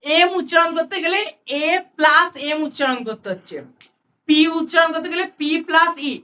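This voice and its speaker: In an online lesson, a woman with a high voice and Bengali accent tutors English grammar in a sharp tone. She is patient, repeating key words slowly and frequently asking if students follow.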